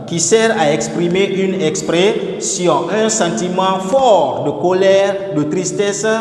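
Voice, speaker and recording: A man teaching a grammar lesson, slowly repeating words and breaking some off mid-word. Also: high voice. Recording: echoey room with long reverb and faint noise.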